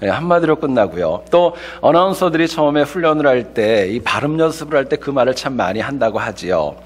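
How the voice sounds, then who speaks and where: A male pastor delivering a Sunday sermon in a church, his voice rising and falling with plenty of lively swing. He moves easily between gentle humor and earnest preaching, at a middle pitch for a man. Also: a little fast, husky. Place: church sanctuary.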